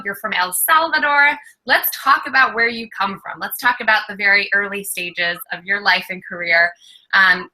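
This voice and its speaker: Bright upbeat woman host. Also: medium pitch, rough recording. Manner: upbeat, enthusiastic. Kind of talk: live interview show.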